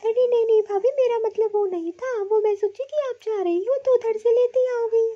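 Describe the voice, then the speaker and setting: A woman's voice: very high voice, moderate pace, highs cut off. A woman voicing a chatty, demanding young sister-in-law in a cartoon, with a whiny, pleading way of talking. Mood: complaining. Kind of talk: cartoon voice acting.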